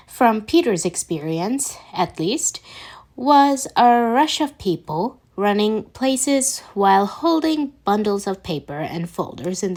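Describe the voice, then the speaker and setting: An amateur podfic narrator, a woman with a medium-pitched voice, reads fan fiction aloud. Her delivery is halting, often stumbling and correcting itself.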